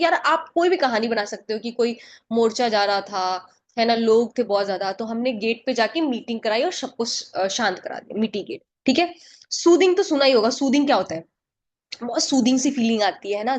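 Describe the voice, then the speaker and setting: A woman with a higher voice teaches English vocabulary in an online exam-prep lesson, mixing Hindi and English. She poses questions to the class and then answers them herself.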